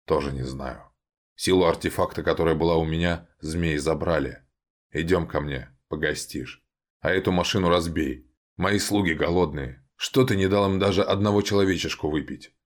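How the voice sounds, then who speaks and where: A man voicing an ancient male vampire count who speaks low, rough and muttered. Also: moderate pace, natural voice. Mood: gruff.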